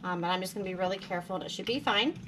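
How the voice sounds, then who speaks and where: A woman with a mid-range voice talks through a recipe in her home kitchen, relaxed and practical. She thinks aloud as she goes, with a few fillers along the way. Faint hiss and small clicks sit underneath her. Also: mid-range voice, rapid-fire. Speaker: home cook and homesteading vlogger. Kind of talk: casual how-to narration while cooking. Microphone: camera mounted above the stove and counter.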